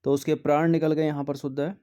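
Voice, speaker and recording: A man with a warm, mellow, slightly high voice speaks fast as he goes through grammar exam questions one by one. He reads every option aloud, methodically checks them, and corrects the wrong ones in a steady teaching tone.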